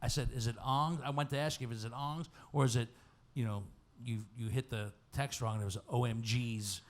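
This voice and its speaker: A man's voice: mid-range voice, fairly even intonation, fairly quick. A man hosting a live comedy podcast on stage, playful and teasing as he hypes the audience. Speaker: podcast host.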